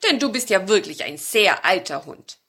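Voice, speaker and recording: A woman's voice: medium pitch, big pitch swings, moderate pace, fairly bright tone. A woman doing a kindly, fussing old grandmother. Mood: earnest.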